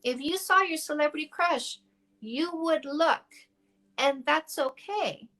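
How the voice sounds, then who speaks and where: A woman's voice: high-pitched, slow pace, a bit bright. A woman dating coach from Canada giving blunt, frank advice to viewers on a casual phone livestream.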